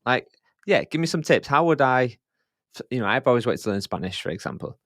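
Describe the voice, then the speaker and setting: A man's voice: medium pitch, animated, fairly quick, fairly bright tone, dry recording. A man hosts a casual podcast, asking questions in a chatty, joking way and poking fun at himself. His mid-range voice sits close and dry on the mic. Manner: chatty, jokey, self-deprecating. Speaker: podcast host. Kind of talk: casual conversational interview.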